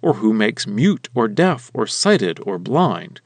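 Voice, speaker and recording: A man voicing a stern, commanding male god in a slow, weighty scripture reading. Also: fairly low pitch, very animated, no room sound, full character voice.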